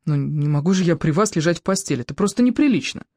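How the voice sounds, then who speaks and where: A woman voicing a feverish young woman, soft and affectionate. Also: deep voice, animated, quick pace, no room sound, clean studio sound. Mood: insistent.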